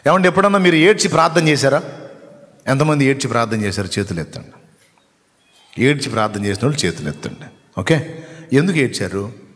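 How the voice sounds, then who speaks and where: A man's voice: mid-range voice, lively intonation, a little fast, pauses often, fairly bright tone. A man preaching a sermon with emphasis, firing questions at his congregation. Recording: long hall reverb.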